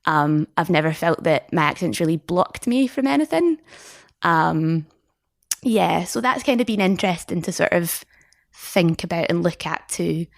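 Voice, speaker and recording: Female interview guest, Scottish Standard accent, lowish register, conversational explainer with hedges, dry recording. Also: animated, moderate pace, gravelly, dry recording. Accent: Scottish, middle-class Scottish Standard English. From Scotland. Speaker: guest, linguistics researcher and teacher.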